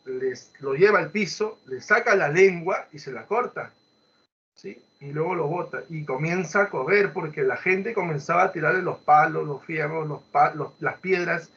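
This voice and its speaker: A man's voice: a little high, fairly bright tone, muffled recording. A male literature teacher retelling a folk tale in a lecture, acting out the quoted voices and checking in with short questions. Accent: Peruvian Spanish. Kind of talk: storytelling lecture.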